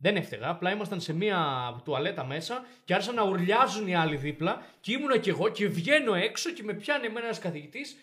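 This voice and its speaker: A man's voice: sits high, very animated, few pauses, a bit bright. A young man co-hosting a casual podcast, telling stories animatedly and acting out the people in them. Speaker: podcast co-host. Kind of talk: casual chat.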